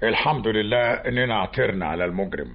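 A calm Egyptian husband in an old radio play. His voice is low and husky, talking quickly. The sound is muffled. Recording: dull old radio recording.

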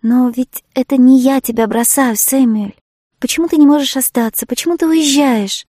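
A woman's voice: high-pitched, moderate pace, warm tone, dry recording, studio quality, pitched above the performer's own voice. A woman voicing a young woman torn between love and duty, speaking emotionally and protesting.

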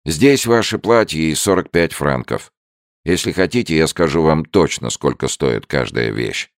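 A man's voice: extremely low pitch, expressive, moderate pace, no room sound, studio quality, pitched above the performer's own voice. A man putting on a wheezing old bargewoman. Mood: grumbling. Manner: short-breathed, grumbling.

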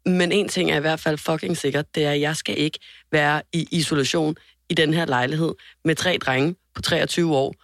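Woman co-host, animated storyteller, curses freely, dry studio sound. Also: sits low, no room sound. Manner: animated storyteller who swears often. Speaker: podcast co-host. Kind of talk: casual chat.

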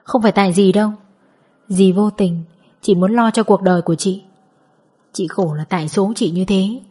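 A woman voicing a gentle, feverish young woman who is weak from illness and speaks softly and forgivingly to her younger sister. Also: mid-range voice, steady tone, normal speed, slightly rough, lightly acted. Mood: resigned. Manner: soft, resigned, forgiving.

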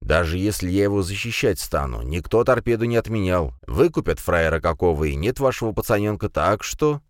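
Cunning crime boss read by a man, calm mocking tone, audiobook, dry close sound. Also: sits low, fairly quick, no room sound, pitched above the performer's own voice. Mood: sly. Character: cunning middle-aged male crime boss, cool and sly. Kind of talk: audiobook character voice.

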